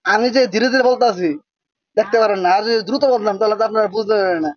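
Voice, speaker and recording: Questioning teacher, muffled. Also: male voice, sits high. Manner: asks students constant questions, repeats answers, dictates slowly. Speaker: madrasa teacher. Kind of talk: classroom lecture with call-and-response questions.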